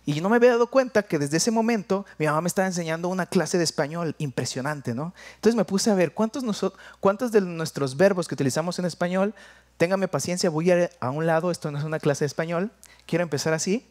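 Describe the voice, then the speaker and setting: A young Mexican man with a Jalisco accent, preaching a sermon in a conversational, playful way, dropping to quiet asides. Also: high-pitched, fast talker.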